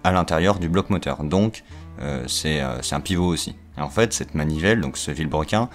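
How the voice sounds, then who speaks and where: Deep-voiced man casually explaining engines. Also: brisk, faint music behind. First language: French. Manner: chatty, many fillers and restarts, self-teasing asides. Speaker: video creator explaining engines.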